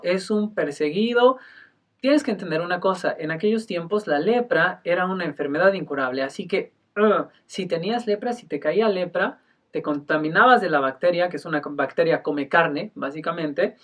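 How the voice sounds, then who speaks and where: A male pastor giving a sermon, emphatic, moving between loud and soft delivery and often clearing his throat. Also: high voice, recorded from a distance.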